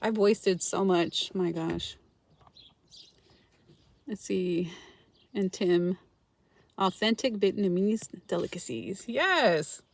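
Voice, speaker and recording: Speaking slowly at medium pitch and pausing often, a middle-aged woman from Los Angeles, California, hosts a laid-back livestream. She runs a frugal-living channel, reading viewer comments, chatting with viewers by name, and laughing frequently.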